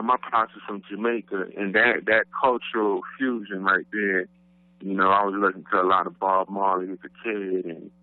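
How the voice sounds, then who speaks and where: A guest rapper from Brooklyn with a New York accent talks casually about his roots in an interview, relaxed and peppering his speech with "you know what I mean." His voice is lowish, and the dry, phone-like radio line carries no room sound.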